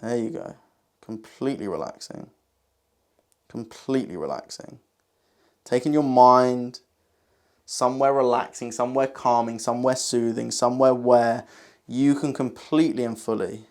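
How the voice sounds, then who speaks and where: A man giving a hypnotic induction in a slow, soothing hypnotist voice, repeating calming phrases with pauses. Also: mid-range voice. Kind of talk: hypnotic induction, guided relaxation.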